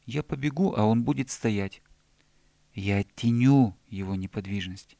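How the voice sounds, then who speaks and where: A man's voice: lowish voice, measured pace, creaky, no room sound. A man voicing a small, eager male hedgehog who explains things insistently in a storybook reading. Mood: explaining. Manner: excited, explaining with urgency.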